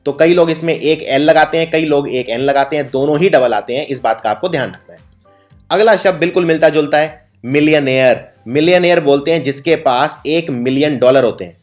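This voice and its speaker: A man teaching English spelling in Hindi, explaining word meanings and spelling each word out letter by letter. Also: on the high side. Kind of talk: explaining lesson.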